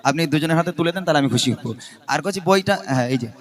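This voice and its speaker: A man, a devotional song singer, bantering playfully with children from a stage at a mosque gathering, teasing and joking as he gives quick commands. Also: on the high side, expressive. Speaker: gojol singer performing on stage.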